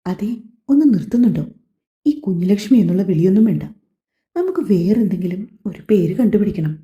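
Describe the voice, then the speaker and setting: Woman playing a young pregnant wife, fond, mildly impatient, warm low tone, roomy, muffled audio-story recording. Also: sing-song, a little fast, natural voice. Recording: echoey, slightly dull home recording.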